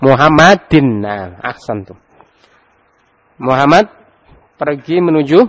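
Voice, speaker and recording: An Indonesian man with a Javanese accent leads a classroom grammar lesson, quizzing his students and coaxing answers. His voice sits a little high for a man, and he takes his time. The recording is dull and lo-fi. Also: animated, slow, fairly bright tone. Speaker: Islamic teacher.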